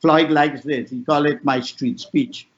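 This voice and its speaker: A man's voice: steady tone, measured pace, highs cut off. A Guyanese man in his sixties, a professor speaking on a panel discussion, making his points emphatically with repeated lists. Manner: emphatic, repetitive lists, rising and falling pitch.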